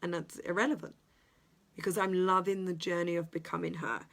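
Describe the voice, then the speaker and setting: A woman's voice: on the low side, flat delivery, brisk, vocal fry. A woman speaking as a self-development coach in a motivational podcast monologue, earnest and emphatic, with repeated phrasing and the odd drop into a whisper.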